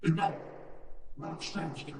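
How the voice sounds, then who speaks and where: Here the same kind of cyborg role gets a more unhurried, slightly mellow read with little pitch variation. The actor delivers clipped, ominous game lines as a grim, menacing, commanding male character. His voice is treated with digital robotic pitch-shifting and a chorus cyborg effect.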